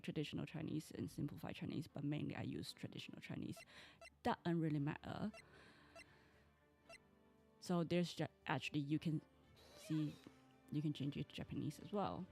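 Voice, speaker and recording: A Mandarin-speaking woman from Taiwan chats casually through a game stream in a low, gravelly voice at a moderate pace. She rambles and restarts her sentences as she goes, while soft game music plays faintly behind her.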